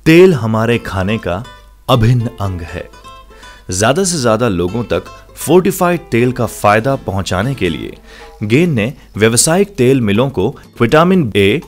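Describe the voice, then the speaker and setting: A man reading scripted documentary narration in a measured, formal manner. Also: medium pitch, very animated, soft background music.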